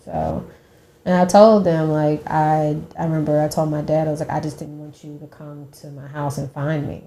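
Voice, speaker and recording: Low dark woman's voice, earnest open guest talk, echoey room. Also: flat delivery, moderate pace, a little hiss or hum. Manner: open, earnest, often quoting others. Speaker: podcast guest. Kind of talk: candid conversation.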